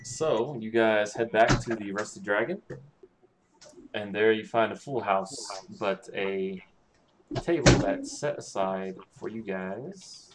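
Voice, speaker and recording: A man narrating a tabletop game as game master, halting and full of restarts. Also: lowish voice. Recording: noisy with clicking.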